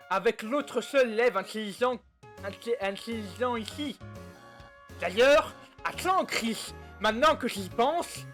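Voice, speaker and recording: Guy doing squeaky high classroom voices, teacher and classmates, kinda over the top. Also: fairly bright tone.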